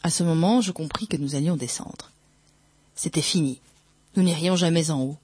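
Brief: audiobook reader, mid-pitched, unhurried first-person narration of a dark novel. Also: slightly rough, no room sound.

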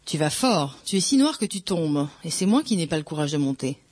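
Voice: medium pitch, sing-song, a little fast, breathy edge, dry recording. A reader voicing a weary priest. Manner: tired, faintly bitter delivery. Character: weary, irritated young priest.

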